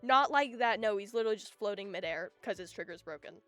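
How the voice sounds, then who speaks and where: A young woman streaming live, chatting casually in an excitable, giggly, rambling way. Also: medium pitch, fast talker, no echo. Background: faint music.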